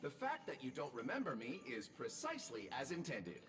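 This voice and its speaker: A man's voice: medium pitch, wildly swooping pitch, a little fast, a bit bright, big-room sound. A man voicing a polite robot drink-serving attendant in a game, courteous and formal with a dry wit. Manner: courteous, formal, dryly witty. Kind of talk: game character dialogue.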